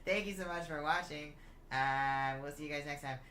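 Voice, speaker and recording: A game master running a streamed tabletop game who laughs often and narrates slowly and dramatically. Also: medium pitch, noisy background.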